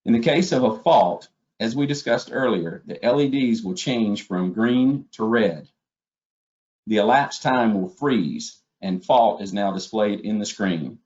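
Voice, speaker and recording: With a fairly low, darkish voice and lively intonation, a male webinar trainer speaks a little slowly as he narrates an instructional slide presentation. His delivery is methodical and step by step, and the audio is dull and lo-fi.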